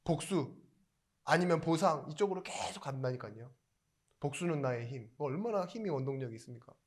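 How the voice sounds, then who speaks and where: A male pastor preaching a sermon in a chatty storytelling way. He asks the congregation questions and rises into loud emphatic bursts. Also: a little high, animated, fairly quick.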